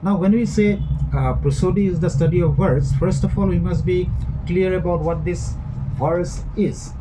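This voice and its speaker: A man's voice: high voice, normal speed, noisy background. A man with an Indian English accent giving a recorded online lecture, explaining step by step and often repeating and rephrasing his points with fillers.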